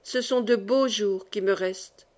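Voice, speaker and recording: A woman's voice: mid-range voice, unhurried, lightly acted. A woman reading the part of an old exiled nobleman, a doting father who speaks with fervent emotion.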